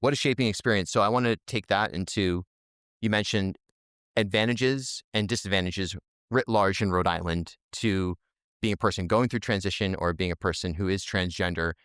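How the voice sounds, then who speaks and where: A man's voice: low voice, normal speed, a bit bright, clear, resonant tone, dry recording, clean studio sound. A man hosting a podcast interview, asking questions conversationally and often restarting his words. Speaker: podcast host.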